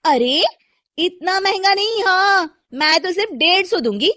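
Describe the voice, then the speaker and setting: A woman's voice: animated, unhurried, no echo, full character voice. A woman voicing a rude, arrogant young housewife who scolds shrilly. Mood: scolding. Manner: shrill, scolding and sharp-tongued.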